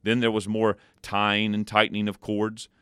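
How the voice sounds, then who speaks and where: A man hosting a devotional program, reading a story aloud in a measured, expressive way and then adding a short spiritual reflection. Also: fairly low pitch, smooth, no room sound, studio quality. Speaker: devotional podcast host.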